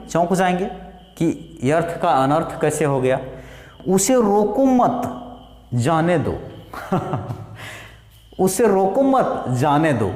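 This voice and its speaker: A man teaching a grammar lesson, explaining slowly with worked examples. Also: a little high, a little mellow. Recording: echoey room, distant reverb.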